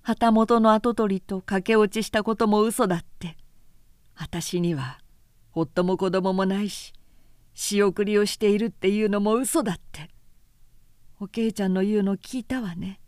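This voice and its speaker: A woman reading the part of a restless older sister with a hoarse, urgent voice. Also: medium pitch, fairly even intonation, normal speed, a little mellow, dry recording, studio quality, lightly acted. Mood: confessing.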